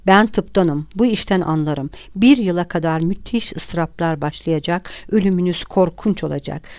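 A woman's voice: lowish voice, normal speed, no room sound, clean studio sound, lightly acted. A woman reading the lines of a young man who mockingly and relentlessly taunts his enemy. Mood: taunting. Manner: mocking, relentless, eerily calm. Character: young male refugee, coldly taunting and vengeful.

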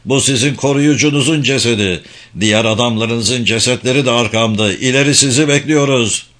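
A man voicing Kasım, a defiant male shepherd leader who challenges his enemies calmly and mockingly. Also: medium pitch, a little fast, creaky.

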